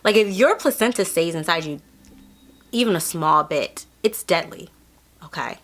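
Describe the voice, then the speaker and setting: Bright-voiced woman telling a personal story. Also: fairly low pitch, moderate pace. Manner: earnest, animated, acts out quoted voices. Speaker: vlogger telling her birth story.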